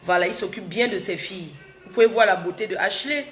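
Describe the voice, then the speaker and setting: Speaking briskly in a mid-range voice with faint music behind her, this middle-aged social media livestreamer from Cameroon has a cold. She keeps things casual with her viewers, answering their comments directly and often repeating herself.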